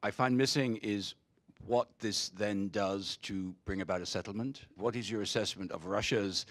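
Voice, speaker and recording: A man's voice: fairly low pitch, normal speed. A man acting as a panel judge, giving unscripted feedback to presenters.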